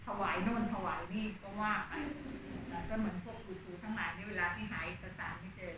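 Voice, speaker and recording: A woman's voice: medium pitch, fairly even intonation, a little fast. A woman teacher explaining classical verse to her class in plain talk, acting out the characters' thoughts. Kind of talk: classroom lesson on Thai literature. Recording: distant, muffled, echoey, noisy.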